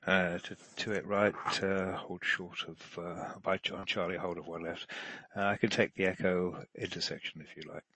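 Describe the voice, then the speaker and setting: A man with a lowish, rough-edged voice plays his part as pilot on the radio, reading back clearances. He is informal and a little hesitant in his phrasing. The sound is dry, with no room around it. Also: little pitch movement, moderate pace, few pauses, pushed and bright, no echo.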